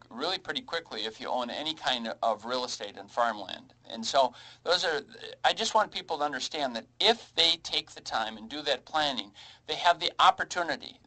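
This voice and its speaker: A man's voice: mid-range voice, pushed and bright, poor audio. A man hosting a financial radio talk show, speaking casually with many fillers and restarts.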